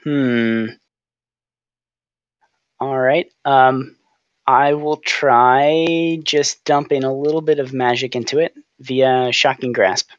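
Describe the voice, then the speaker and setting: A man's voice: medium pitch, steady tone, slow, dry recording. Man, casual game talk, thinking aloud, hesitant, mid-range voice, muffled dry sound. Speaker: tabletop game player.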